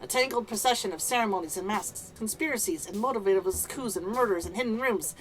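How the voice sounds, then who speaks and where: A woman's voice: mid-range voice, quick pace, soft background music, poor audio. A woman streamer reading video game dialogue aloud in a theatrical way, switching between character voices. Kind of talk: dramatised read-aloud of a video game's dialogue, voicing the characters.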